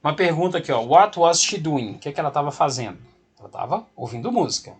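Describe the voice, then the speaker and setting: A man's voice: a little high, expressive, quick pace, husky. A man teaching English grammar in a video lesson, speaking with a Brazilian Portuguese accent, patiently explaining step by step and repeating the rules.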